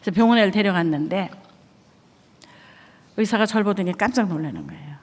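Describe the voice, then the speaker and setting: A woman's voice: mid-range voice, expressive, brisk. A middle-aged woman from Korea, a missionary giving an earnest, emotional church testimony. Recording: echoey church hall.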